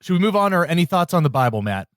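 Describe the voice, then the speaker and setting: A man co-hosting a podcast in a relaxed, reflective casual chat. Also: fairly high pitch, racing, no room sound, studio quality. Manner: relaxed, reflective, often laughing. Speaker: podcast co-host.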